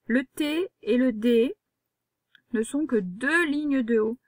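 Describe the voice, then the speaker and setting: A woman's voice: high voice, slow pace, no echo, clean studio sound. A woman, a primary school teacher giving a patient, step-by-step handwriting lesson to a young child.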